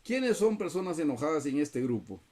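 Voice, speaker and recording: A man's voice: fairly high pitch, big pitch swings, normal speed, a little mellow. Earnest man teaching over video call. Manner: earnest, repeatedly addresses listeners as brothers. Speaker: Bible study teacher.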